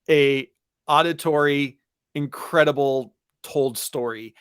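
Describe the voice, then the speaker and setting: A man co-hosts a conversational webinar for teachers, sounding enthusiastic and emphatic and repeating key phrases for stress. His voice is on the high side with a fairly bright tone. The sound is clean studio audio with no room sound.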